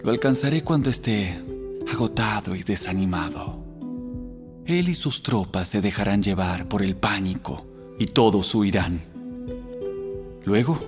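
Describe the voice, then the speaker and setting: Man doing a cold scheming advisor guy from a bible drama, lowish voice, measured, music loud behind. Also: natural voice. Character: cold, scheming male counselor urging a prince. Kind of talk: dramatized audio Bible acting.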